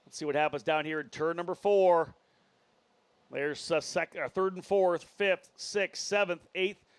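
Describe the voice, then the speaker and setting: A man's voice: fairly high pitch, fairly even intonation, measured pace, clean tone, no echo. A man working as a motorsport commentator, giving live play-by-play and running through drivers and positions.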